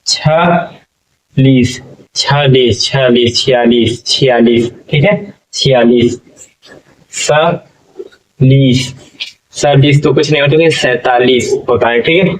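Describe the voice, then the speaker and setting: A man's voice: mid-range voice, steady tone, far from the mic, rough recording. A male teacher giving a patient lesson, stretching out syllables and often checking in with his listeners. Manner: patient, drawn-out syllables, frequent "okay?" checks. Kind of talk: classroom lesson.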